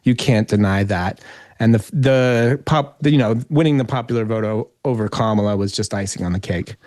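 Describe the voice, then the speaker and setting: A man's voice: on the low side, moderate pace, darkish tone, no echo. Man giving political commentary, dry close sound. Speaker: interview guest, political commentator. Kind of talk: conversational political analysis.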